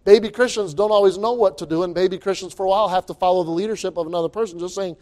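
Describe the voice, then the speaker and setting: A man preaching a sermon as pastor into a pulpit microphone, emphatic and repeating his words as he builds to loud exclamations. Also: high voice, very fast.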